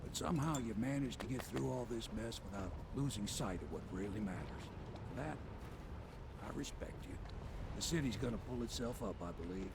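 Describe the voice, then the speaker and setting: A gruff old fisherman type for a video game, loyal and weary. His voice is gravelly and sits a little low, with plain, earnest delivery. Loud waterside boat noise runs behind him. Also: expressive, brisk. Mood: fond, resigned. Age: older. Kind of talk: video game character dialogue. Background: water and boat ambience.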